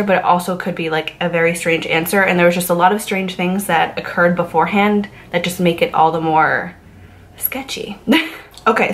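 A young woman from Massachusetts telling a true crime story to camera in a casual, rambling way, full of likes and you knows. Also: lowish voice. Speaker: YouTube true crime host.

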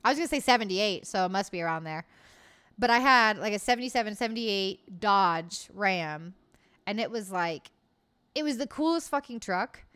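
A woman in her late twenties streams from a room at home, chatting loosely and cheerfully with her live chat and swearing freely. Her mid-range voice is smooth and fairly bright, with lively intonation at normal speed, picked up by a desk mic on an arm and a headset.

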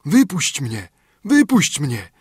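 A towering, haughty bottle spirit from a fairy-tale audiobook, as a man puts him on. The voice is hollow and slightly husky, slow, loud and threatening. Lively pitch with a dry, close studio sound. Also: dry recording, full character voice. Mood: pleading. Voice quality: hollow, dreadful voice. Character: huge menacing male spirit, haughty and threatening.

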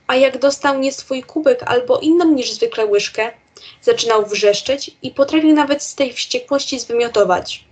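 A woman narrates a children's storybook, reading aloud in a slow, careful way. Her voice is fairly high and has a soft, breathy edge. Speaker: reader.

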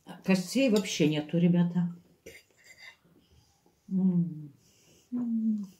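A woman's voice: fairly low pitch, animated, slow, dark tone. A woman with a Ukrainian accent chatting to viewers in a mukbang vlog, talking with her mouth full of bread. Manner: chatty, talks straight to viewers. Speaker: vlogger.

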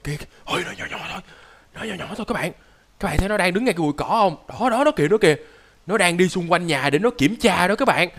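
Young man, high and fast, jittery game narrator who repeats himself. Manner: excitable, jittery, repeats words. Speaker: gaming YouTuber. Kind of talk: excited gameplay narration.

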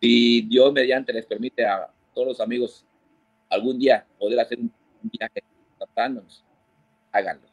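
A man's voice: mid-range voice, moderate pace, long pauses, slightly rough, dry recording, dull audio. A man, a fishing guide, telling fishing stories as a guest in an interview and acting out the voices of the people in them. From Mexico. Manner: animated storyteller who mimics quoted voices. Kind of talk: storytelling interview.

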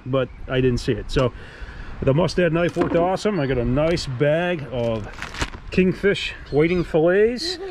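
A middle-aged fishing vlogger, his voice a little high, talks eagerly and cheerfully to the camera in a casual video from a sandy beach by the surf. The recording comes from a head-mounted action camera outdoors, with the surf clearly heard.

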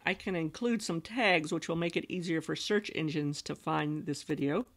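A woman calmly narrating a screencast tutorial as an instructional designer, patiently explaining each step. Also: deep voice, moderate pace. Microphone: voice-over recorded over screen capture.

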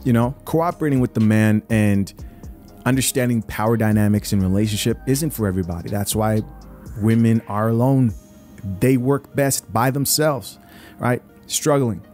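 A man's voice: medium pitch, normal speed, darkish tone. Man born in Zambia, podcast host, direct opinionated talk, close mic in a small home studio, faint music underneath. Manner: blunt, emphatic, addresses viewers directly. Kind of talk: opinionated commentary. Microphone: close studio mic, wearing headphones.

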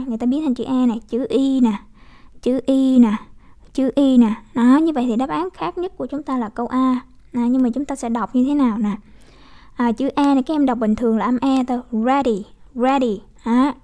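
High-voiced woman teaching English pronunciation. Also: darkish tone. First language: Vietnamese. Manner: repeats model words slowly, checks with "đúng không?". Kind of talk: casual classroom explanation.

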